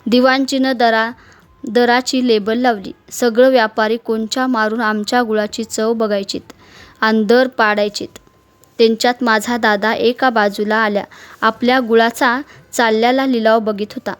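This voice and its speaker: A woman reading a village short story in steady, dialect-flavoured narration. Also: a little high, moderate pace.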